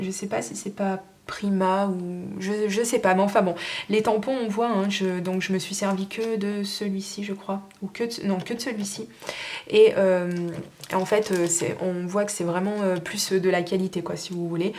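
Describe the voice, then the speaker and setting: A woman shows off her craft stamps one by one and names a price for each, chatting informally and hesitantly with lots of fillers, like a casual show-and-tell sale. Her mid-range voice is a little mellow, and there's a slight hiss or hum.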